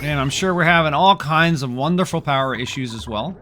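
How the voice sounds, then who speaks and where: A man's voice: on the high side, brisk, bright, forceful tone, slight background noise. A man narrating his game as he plays, sarcastic and exasperated, grumbling at his characters. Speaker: gameplay streamer. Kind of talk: exasperated gameplay commentary.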